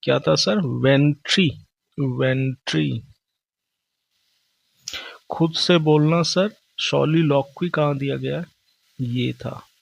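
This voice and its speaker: Guy teaching vocab, slow, kinda gravelly, reads defs out then explains. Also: fairly high pitch, no room sound, muffled recording. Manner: mixes Hindi and English, reads definitions slowly then explains. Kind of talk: classroom lesson.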